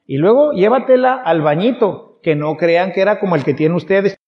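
Man preaching, mexican accent, high voice, chatty sermon, long hall echo, dull lo-fi sound. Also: moderate pace. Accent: Mexican Spanish. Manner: conversational, acts out little quoted scenes.

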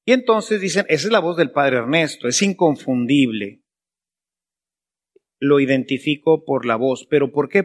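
Male priest, sermon, rhetorical questions, slightly high voice.

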